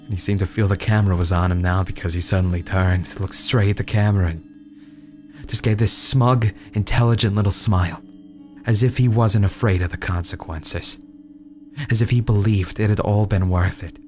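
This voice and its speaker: A man reading a first-person horror story dramatically, in a brooding, hushed, halting delivery with dramatic pauses. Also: low-pitched, fairly even intonation. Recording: music bed under the voice. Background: background music.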